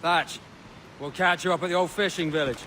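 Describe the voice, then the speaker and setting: An actor playing a seasoned, gruff pirate captain in a video game, teasing and blunt with salty sailor slang. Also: male voice, a little high, fairly even intonation, brisk, sharp tone, a little hiss or hum. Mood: proud, instructive. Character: seasoned, gruff, commanding male pirate captain, mocking mentor. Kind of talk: dramatic video game acting.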